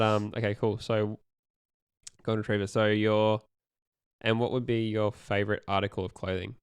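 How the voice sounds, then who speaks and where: A young man with a lowish, clean voice co-hosts a casual podcast, recorded in studio quality with no room sound. He rambles through his questions, full of ums and restarts.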